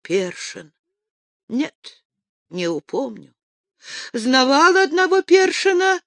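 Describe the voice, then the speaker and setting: Lady doing a sly old prince, quiet and meek, slow, dry close sound. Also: sits high, big pitch swings, no echo, pitched above the performer's own voice, exaggerated voice. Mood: resigned. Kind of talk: audiobook reading.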